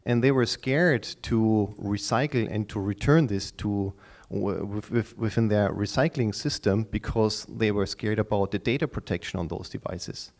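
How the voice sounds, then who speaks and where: Halting middle-aged man pitching at a conference. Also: darkish tone. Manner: halting, repeats and restarts words often. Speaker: startup pitch speaker. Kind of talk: live conference pitch to an audience.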